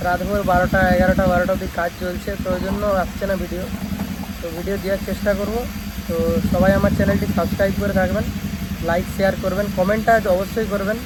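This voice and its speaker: A West Bengal man with a Bengali accent, a speaker repair shop owner hosting his own channel, shows off products in a casual vlog, talking quickly in a high voice with little pitch movement. He repeats and stresses his points, often checking that viewers are following. His phone camera picks up a noticeable engine-like hum and hiss.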